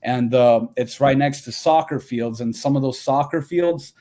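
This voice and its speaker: A man's voice: mid-range voice, measured pace, dark tone. A man from Albania co-hosting a sports call-in show, chatting casually with many fillers and restarts. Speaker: co-host.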